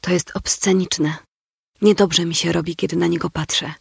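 A man's voice: on the high side, steady tone, moderate pace, creaky, breathy edge, no echo, clean studio sound, full character voice. A man voicing a distraught young woman, pleading and emotional. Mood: quiet disgust. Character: young woman, upset and disgusted bride-to-be.

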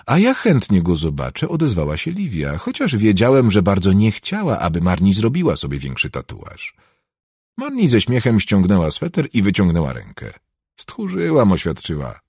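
A man narrating an audiobook in the first person, reflective and measured. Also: sits low, wildly swooping pitch, a little mellow, husky, no echo, studio quality.

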